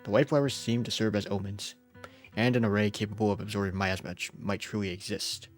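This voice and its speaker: Speaking briskly in a lowish, steady tone, a man streams live gameplay with game music underneath. He feels unwell yet keeps up a chatty patter full of laughter and casual cursing, sometimes reading story summaries out loud.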